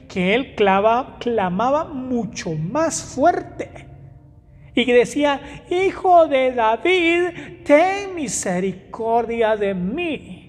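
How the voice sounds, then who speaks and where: A man preaching a sermon in church, emphatic, rising to loud exclamations and dropping to soft asides, with fillers and self-corrections. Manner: emphatic, swinging between raised exclamations and soft low asides; hesitant fillers and self-corrections while finding verses. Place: church hall. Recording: reverberant church hall with music behind.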